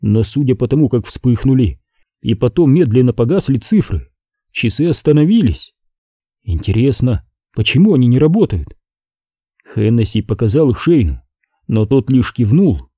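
A man reading a dark sci-fi horror novel aloud as an audiobook narrator. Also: medium pitch, very animated, moderate pace, dry recording, clean studio sound. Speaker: audiobook reader. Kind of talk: scripted narration.

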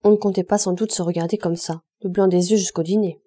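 A woman reading a classic novel aloud as an audiobook narrator, steady and measured. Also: lowish voice, slightly rough.

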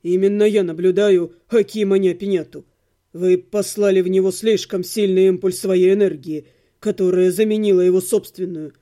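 A woman voicing a calm, patient male healer in an audiobook, explaining things in a measured, lecturing way. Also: mid-range voice, pitched below the performer's own voice, close to an everyday voice. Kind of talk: audiobook character reading.

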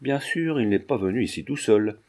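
A man reading a storybook, voicing a gruff but kindly old army sergeant who scolds and blusters. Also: mid-range voice, lively intonation, normal speed, a little mellow, lightly acted. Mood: scolding. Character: gruff, good-natured old army sergeant park keeper.

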